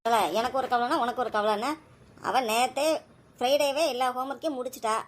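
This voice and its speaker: High-voiced mother in casual family chat. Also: a little hiss or hum. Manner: brisk, scolding yet caring.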